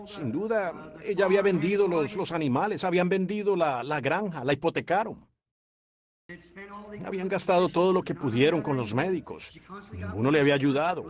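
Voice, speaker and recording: A man preaching a sermon with fervour, building to shouts and stretching key phrases out slowly for emphasis. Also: on the high side.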